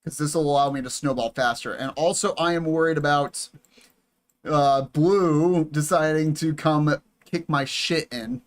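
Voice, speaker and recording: A young man giving casual, excitable commentary over a strategy game, swearing and chatting with viewers. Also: on the high side, unhurried. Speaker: gaming YouTuber.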